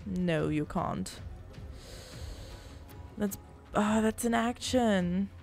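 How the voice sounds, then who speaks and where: Speaking very slowly in a mid-range, darkish voice with vocal fry, a gameplay video host narrates her role-playing game run. The let's-play commentary is casual and teasing, full of grumbling and swearing at her party, with game music in the background.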